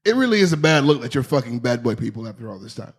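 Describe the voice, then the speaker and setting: A man co-hosting a podcast, sarcastic and animated, often laughing as he talks. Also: mid-range voice, racing, husky. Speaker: podcast co-host. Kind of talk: casual podcast banter.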